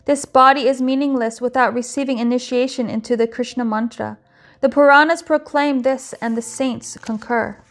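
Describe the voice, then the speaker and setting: Kobieta czytająca żarliwy młody boski nauczyciel. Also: female voice, on the high side, steady tone, moderate pace, lightly acted. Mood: pleading. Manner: earnest, instructive reading of quoted speech. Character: young male divine teacher, fervent and devoted.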